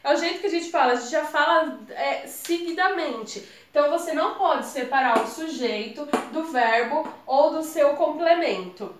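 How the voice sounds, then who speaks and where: A Brazilian woman with a high voice walks viewers through exam grammar in a relaxed, chatty way. The room around her is echoey. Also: moderate pace, hardly any pauses, slight background noise. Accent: Brazilian Portuguese. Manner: chatty, addresses viewers as gente. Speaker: exam prep tutor. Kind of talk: casual explanatory lesson.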